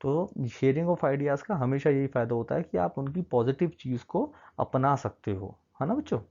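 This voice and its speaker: Dark-voiced man teaching children, coaxing. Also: mid-range voice, lively intonation, normal speed. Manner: coaxing, keeps checking in with the children; mixes in English terms while explaining. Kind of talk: classroom lecture explaining a map. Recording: dull lo-fi sound.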